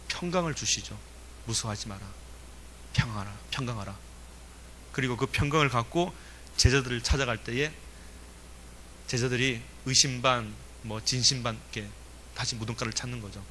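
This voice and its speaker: A man preaching a sermon in a lively, emphatic way, asking the congregation questions and chuckling now and then. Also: mid-range voice, slight background noise. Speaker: pastor.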